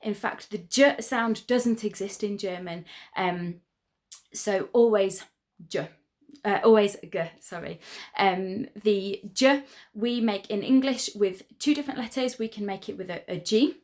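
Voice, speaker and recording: A woman teaching a pronunciation lesson, explaining sounds in a clear, patient and encouraging way. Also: mid-range voice, measured pace. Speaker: language teacher.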